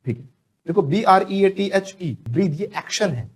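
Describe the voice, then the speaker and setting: A man's voice: sits high, lively intonation, moderate pace, husky. A man teaching spoken English to a class, drilling students to repeat phrases after him.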